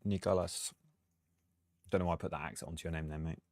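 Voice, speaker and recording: A man's voice: very deep voice, flat delivery, racing, darkish tone, dry recording, studio quality. A man and music producer, talking through a track on a live stream, chatty and thinking aloud with frequent laughs.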